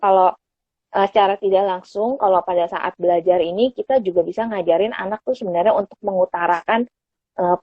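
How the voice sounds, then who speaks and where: Casual chat, woman giving parenting tips, slightly husky, dry lo-fi live audio. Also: mid-range voice, dry recording. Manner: patient and explanatory, often calls the host by name; casual conversational speech with fillers. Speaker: child psychologist guest. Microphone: phone on an Instagram live stream. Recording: dull lo-fi stream audio.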